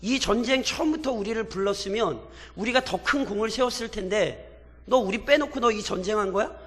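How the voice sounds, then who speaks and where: A man's voice: high voice, fairly quick, a bit bright, big-room sound. A man acting out a proud, quarrelsome tribesman. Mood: accusing. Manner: scolding, accusing, blunt informal talk. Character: indignant Israelite tribesmen, men, quarrelsome and proud.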